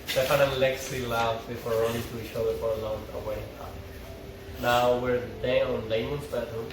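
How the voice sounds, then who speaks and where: Reading a TV script aloud at a table read, a man narrates stage directions and tosses in informal asides. His mid-range voice is flat and moderately paced, heard distantly in a very echoey room with music and background noise behind him.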